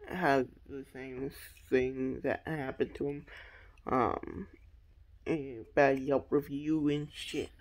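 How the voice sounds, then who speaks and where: A young man rambling through a fan theory in a casual, hesitant way, full of ums and restarts. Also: mid-range voice.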